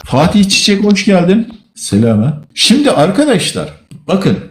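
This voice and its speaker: A man with a fairly high, lively voice, lecturing callers in a religious debate. He argues point by point and repeats key words for stress. The sound is roomy and echoey. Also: unhurried, background noise. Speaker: host. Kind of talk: live online religious debate.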